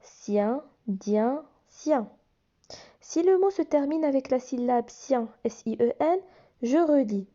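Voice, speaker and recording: A woman's voice: sits high, expressive, normal speed, dark tone, lo-fi sound. A woman teacher walking young children through phonics exercises, patiently spelling out letters and sounds. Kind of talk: phonics lesson explaining workbook exercises.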